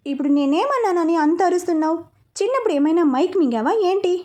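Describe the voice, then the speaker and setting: A woman voicing a cheeky, grumbling young man in a story, pushing her voice higher and louder. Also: fairly quick, lightly acted. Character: cheeky young brother-in-law, joking and grumbling. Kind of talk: storybook reading.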